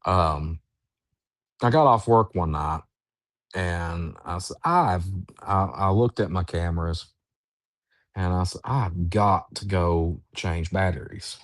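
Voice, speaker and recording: A man who researches Bigfoot, telling a story in a halting, drawn-out way with many restarts. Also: sits low, no room sound, clean studio sound. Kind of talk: storytelling in an interview.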